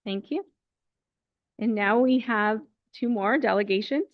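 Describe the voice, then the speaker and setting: A woman chairs a council session, reading a formal motion aloud and moving the agenda along briskly. Her voice comes through a dull, muffled microphone feed. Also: mid-range voice, dry recording. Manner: brisk and procedural. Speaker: meeting chair. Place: council chamber.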